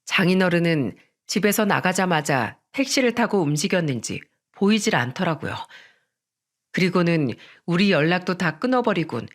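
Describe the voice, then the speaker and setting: A narrator reading a first-person story aloud in a dramatic way, acting out heated quarrels. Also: medium pitch. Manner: dramatic, reenacting heated shouts.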